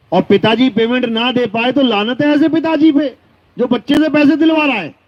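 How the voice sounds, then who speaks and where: A man giving a devotional discourse as a spiritual teacher, slowly chanting verses and then explaining them plainly. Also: extremely high pitch. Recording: dull lo-fi recording.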